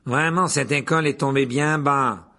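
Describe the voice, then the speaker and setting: A man's voice: medium pitch, moderate pace, sharp tone, pitched above the performer's own voice. A man voicing a sneering, arrogant teenage wizard boy with a cold, drawling, mocking voice.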